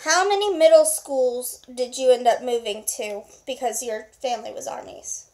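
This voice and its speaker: A woman hosting a home video, briskly reading questions to her husband and steering his answers. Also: fairly high pitch, a little mellow. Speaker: vlog host interviewing her husband. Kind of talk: casual home interview. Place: home at night.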